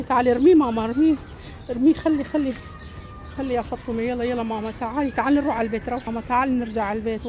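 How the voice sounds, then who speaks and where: A woman's voice: sits high, dark tone. A woman hosts a family vlog, coaxing and soothing someone with many endearments. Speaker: family channel host. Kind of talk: casual vlog talk to a pet or child. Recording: dull lo-fi sound, faint background noise.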